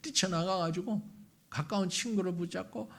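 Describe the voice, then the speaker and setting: A male pastor preaching a sermon in an animated way, acting out the laments he quotes. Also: high-pitched, moderate pace, vocal fry.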